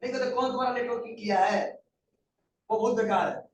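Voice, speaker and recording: A man's voice: very high voice, fairly even intonation, fast, recorded from a distance, a little hiss or hum. A man teaching a computer class in a conversational lecture style, often asking the students questions. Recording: echoey room, voice from afar.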